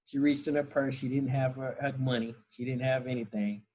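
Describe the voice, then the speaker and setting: A man talking as a guest in a casual conversation, relaxed, telling stories and laughing easily. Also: mid-range voice, a little fast, highs cut off.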